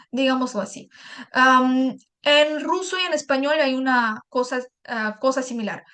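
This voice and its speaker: A woman with a high voice teaching a patient, step-by-step language lesson. She repeats and translates each example and checks in with short asides. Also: a bit bright. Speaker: Russian teacher.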